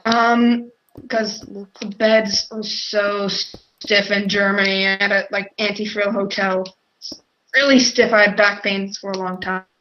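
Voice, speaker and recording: A woman casually instructing a friend through a game build, bossy and quick to interrupt with corrections. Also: medium pitch, fairly even intonation, fairly bright tone, a little hiss or hum. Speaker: co-host giving instructions. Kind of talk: casual game tutorial chat. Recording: dull lo-fi audio.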